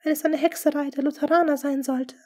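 A woman voicing an anxious lady-in-waiting in an audiobook, speaking high, tense and trembling. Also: steady tone, fast, darkish tone, natural voice. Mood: alarmed. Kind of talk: audiobook character reading.

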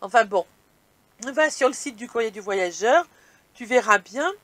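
Blunt, higher-voiced woman vlogger. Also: expressive, measured pace, fairly bright tone, dry recording. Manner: direct and blunt, addresses viewers informally. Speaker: vlog host answering viewer questions. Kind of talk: casual chat.

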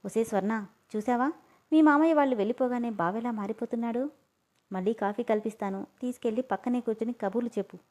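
A woman's voice: fairly high pitch, fast talker, darkish tone, natural voice. A woman voicing a scheming middle-aged mother who talks in a coaxing, bossy way.

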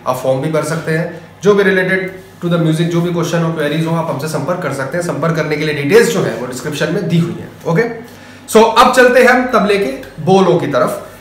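A man's voice: fairly high pitch, fairly quick, a little hiss or hum. A man teaching tabla in a casual lesson, speaking the drum syllables aloud as he plays them. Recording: echoey room with loud tabla.

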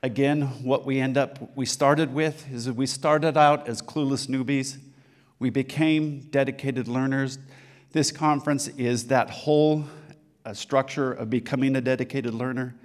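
A man's voice: medium pitch, fairly even intonation, measured pace. A man in his sixties giving a conference talk on stage into a handheld mic, with a loose delivery full of fillers and restarts. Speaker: conference speaker. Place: dark conference stage with a large room.

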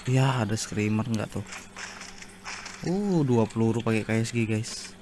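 A man's voice: on the low side, expressive, a little slow, a little mellow, slight background noise. A man giving casual commentary while he plays a zombie survival game, chatting to viewers and exclaiming at jump scares. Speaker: gaming YouTuber.

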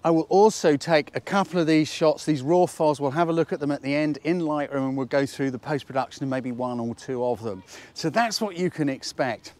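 A British man in his fifties with a squeaky voice from a cold, chatting casually and jokily as he teaches outdoors, often asking rhetorical questions. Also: fairly quick, few pauses, a little mellow. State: has a cold. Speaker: photography instructor and presenter. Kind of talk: casual instructional talk to camera. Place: outdoors at a waterside harbour slipway.

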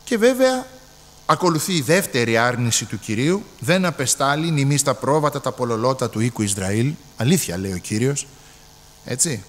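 A man's voice: medium pitch, sing-song, a bit bright, big-room sound. A man preaching a sermon emphatically, repeating his phrases and often addressing the brethren.

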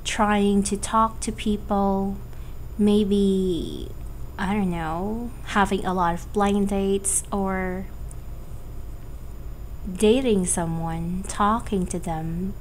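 Female tarot reader, slow and hesitant, cracking voice from a cold, faint background noise. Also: mid-range voice, fairly even intonation, low-quality recording. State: has a cold. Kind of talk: casual monthly tarot forecast.

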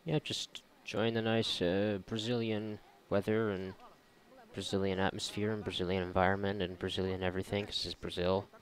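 A gamer and video creator provides casual let's play commentary that is sarcastic, joking and profane. His voice is deep with little pitch movement, at a moderate pace. Game music plays in the background.

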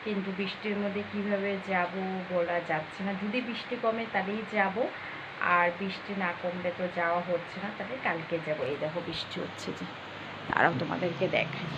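A woman's voice: lowish voice, fairly even intonation, a little fast, dull audio. A young woman from Bengal chatting to viewers in a casual home vlog, explaining her chores. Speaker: vlogger. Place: small home. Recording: noisy home recording.

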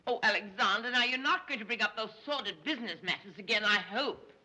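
A woman's voice: on the high side, fast, pushed and bright, low-quality recording. An actress playing a flighty, scatterbrained society mother in a 1930s screwball film, with a fluttery, dithering way of talking. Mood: airy, fluttery.

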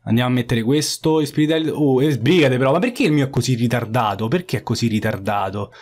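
A man's voice: medium pitch, expressive, fast talker, a little mellow. A man commenting on his own mobile game match, swearing often and repeating phrases in frustration. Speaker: gaming YouTuber. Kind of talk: live gameplay commentary.

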